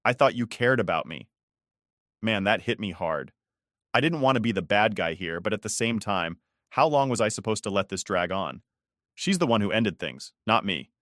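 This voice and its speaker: A man's voice: lowish voice, fairly bright tone, dry recording, studio quality. Young man telling a story casually. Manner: casual, conversational, exasperated. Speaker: narrator. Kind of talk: scripted first-person story narration.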